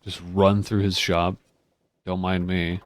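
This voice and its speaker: A man's voice: low-pitched, level tone, takes it slowly, no echo. A man hosting a gaming video with informal, joking, casual gameplay commentary.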